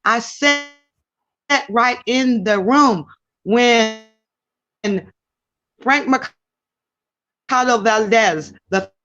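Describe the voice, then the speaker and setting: A woman's voice: fairly high pitch, extremely slow, long pauses, a bit bright, faint music behind. Woman on a crackly, dropping call line. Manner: emphatic, rambling with restarts. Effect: crackly, dropping remote call line. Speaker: call-in guest. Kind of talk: casual talk show discussion. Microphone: remote call. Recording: dull lo-fi call audio.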